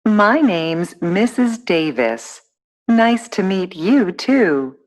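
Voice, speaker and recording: A woman playing a polite female teacher in a scripted textbook dialogue, speaking clearly and deliberately. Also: mid-range voice, expressive.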